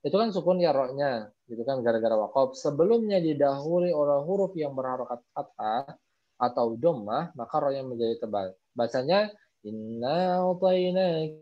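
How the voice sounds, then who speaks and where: A man's voice: mid-range voice, moderate pace. Man teaching recitation over a muffled call. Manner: casual, repeats words to model pronunciation; loose explaining with frequent fillers. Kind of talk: online class teaching. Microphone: video call. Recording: muffled video call audio.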